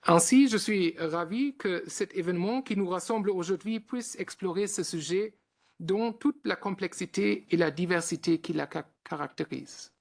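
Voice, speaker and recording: A man's voice: high-pitched, normal speed, gravelly. A man with a German accent, an institute director giving formal opening remarks at a conference, reading with frequent hesitations.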